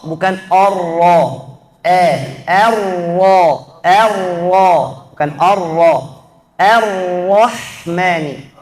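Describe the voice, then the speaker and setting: High-voiced man teaching recitation. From Egypt. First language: Arabic. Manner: drills sounds slowly, contrasting wrong and right, chanted recitation examples. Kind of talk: Quran recitation lesson. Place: mosque.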